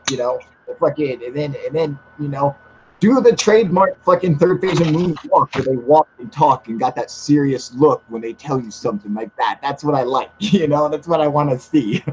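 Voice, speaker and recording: Profane, excitable man hosting a stream. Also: fairly high pitch. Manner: profane, excitable, laughs often. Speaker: host of a live UFO stream. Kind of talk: casual live-stream chat. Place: outdoors in humid air. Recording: slightly dull with faint hiss.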